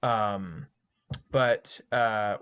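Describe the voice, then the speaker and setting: A man narrating a tabletop horror game as game master, talking haltingly with many fillers and self-corrections. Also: lowish voice, a bit bright, smooth.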